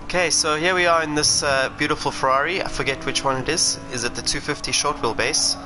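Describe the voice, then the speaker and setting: A low-quality recording captures a South African racing driver's fairly high voice, moving a little fast as he comments live on his sim racing stream. Engine noise and car sounds from the game lie underneath.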